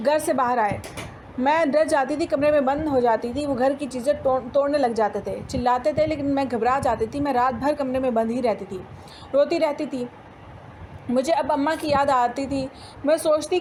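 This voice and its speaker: High-voiced woman narrating a story. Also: slight background noise, rough recording. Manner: steady narration with some restarts and slips. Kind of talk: first-person story narration.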